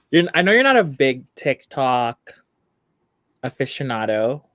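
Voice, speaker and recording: Brief: young drag queen host, lively swooping delivery, unhurried, chatty and gushing, dry close sound. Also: medium pitch, no room sound. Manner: chatty, gushing, laughs often. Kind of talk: casual chat on a live show.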